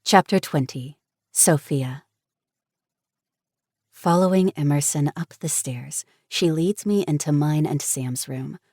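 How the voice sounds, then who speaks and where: A woman narrating a romance audiobook in the first person, with a slow, calm reading. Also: sits low, dry recording, clean studio sound.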